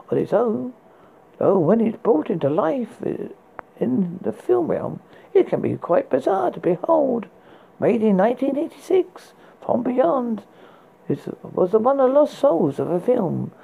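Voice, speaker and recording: A performer playing a spooky horror host, reading recommendations in a husky, gravelly voice with a halting, stumbling delivery. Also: mid-range voice, mellow, muffled recording, full character voice. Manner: halting read with stumbles and repeated words. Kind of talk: scripted horror book and film recommendations read as a horror host.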